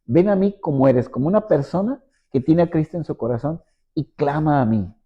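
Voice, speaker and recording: A man's voice: fairly high pitch, expressive, moderate pace, breathy edge. A man pastor preaching a sermon with an emphatic, repetitive cadence. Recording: dull lo-fi recording.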